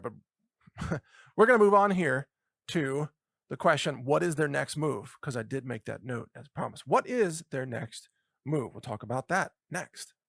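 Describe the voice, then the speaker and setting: A middle-aged man hosting a talk show, delivering an animated, mocking political monologue. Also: mid-range voice, no echo, studio quality. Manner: animated, mocking, puts on voices for imagined people.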